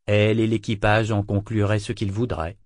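A man narrating a novel aloud in a measured, steady reading style. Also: lowish voice, no echo, clean studio sound. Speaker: audiobook narrator. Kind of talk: scripted narration with character voices.

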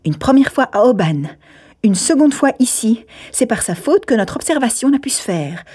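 A woman's voice: on the high side, expressive, moderate pace, dark tone, slightly rough, voice pushed up. A woman reading aloud, voicing a proud and determined young lady who speaks curtly and in command. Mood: imperious. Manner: curt and commanding.

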